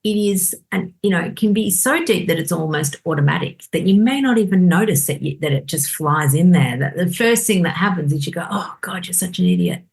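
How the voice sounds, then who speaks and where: A woman, a doctor on a podcast, explaining in a lively chatty way and acting out inner voices. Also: on the low side, fairly quick, few pauses. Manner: animated, acts out inner voices. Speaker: doctor guest. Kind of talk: casual podcast conversation.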